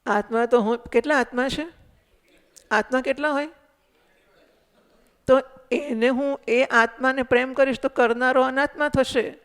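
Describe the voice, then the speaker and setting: A woman's voice: sits high, fairly even intonation, unhurried, pauses often, clean tone. A woman giving a spiritual discourse, explaining patiently and putting questions to her listeners. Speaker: spiritual teacher. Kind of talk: Vedanta discourse. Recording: echoey hall recording.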